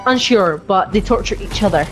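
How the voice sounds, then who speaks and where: A woman's voice: mid-range voice, lively intonation, a little fast, fairly bright tone, soft background music, poor audio. A woman chatting casually while playing a game, rambling and hesitant with many restarts. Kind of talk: casual chat.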